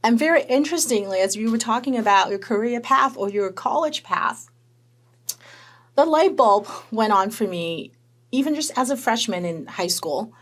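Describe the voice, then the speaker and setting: Her pitch is slightly high and her pace normal as this woman, who grew up in Hong Kong, shares her story with lively, animated energy during a conversational interview.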